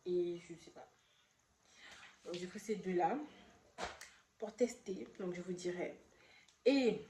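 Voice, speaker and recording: Slow, chatty French woman in an echoey room. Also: medium pitch, darkish tone. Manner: chatty, hesitant, stumbles over product names. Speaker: beauty vlogger and makeup artist. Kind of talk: casual product haul chat. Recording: echoey room, faint background noise.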